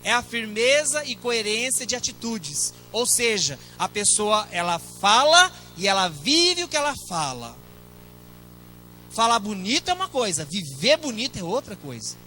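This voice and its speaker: Bright high-voiced Brazilian pastor preaching. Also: male voice, big pitch swings, measured pace, a little hiss or hum, poor audio. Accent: Brazilian Portuguese. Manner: conversational preaching with asides to the congregation. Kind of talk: sermon.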